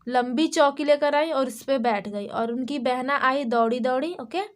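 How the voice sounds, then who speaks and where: A young Indian woman teaching a class of small children, spelling out sounds slowly and repeating each word. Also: high voice.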